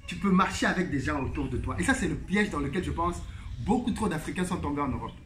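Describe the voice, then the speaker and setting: A man's voice: on the high side, animated, quick pace, slight background noise. A man host telling a story in a monologue, animatedly retelling a conversation with emphatic repetition.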